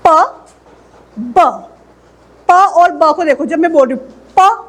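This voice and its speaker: High-voiced woman teaching phonetics. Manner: explanatory, slow model words for repeating. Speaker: English teacher. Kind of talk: phonetics lesson.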